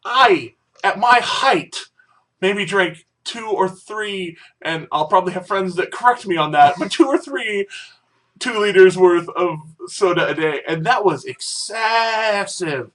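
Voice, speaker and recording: A man's voice: sits high, lively intonation, a little slow, fairly bright tone, recorded from a distance. A man co-hosting a casual news-chat podcast, joking and rambling as he talks. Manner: joking, rambling, self-deprecating. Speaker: podcast co-host.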